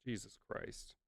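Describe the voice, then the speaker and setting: A man hosting a comic reaction show, reading panels aloud and breaking into loud, excited outbursts. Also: lowish voice, vocal fry, slightly rough, dry recording, studio quality.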